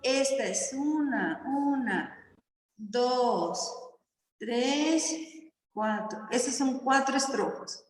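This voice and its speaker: A woman teaching a primary school class, her rather high voice moving at an unhurried, deliberate pace. She breaks up her explanations with short checking questions to the children. The classroom is echoey, with a long trailing reverb. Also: animated, slight background noise. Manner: slow, patient explaining with frequent checking questions. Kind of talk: classroom lesson on poetry.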